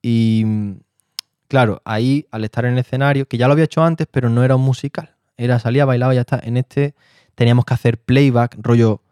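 A man's voice: mid-range voice, fairly even intonation, fast talker, darkish tone, dry recording, studio quality. A man from Spain, an actor and director, telling his story in a casual interview. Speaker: interview guest. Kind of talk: casual chat.

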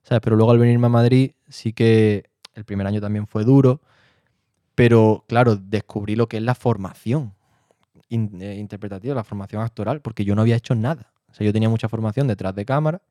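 A man's voice: lowish voice, fairly even intonation, a little fast, mellow, dry recording, clean studio sound. A man from Spain, an actor and director, telling his story in a casual interview. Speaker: interview guest. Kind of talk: casual chat.

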